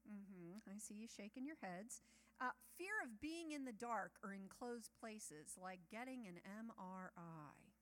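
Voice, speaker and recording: A middle-aged woman speaking to a live audience, chatty and animated, with asides to the listeners. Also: mid-range voice, unhurried. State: nervous about public speaking. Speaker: speaker at a church talk. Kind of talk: personal talk to an audience.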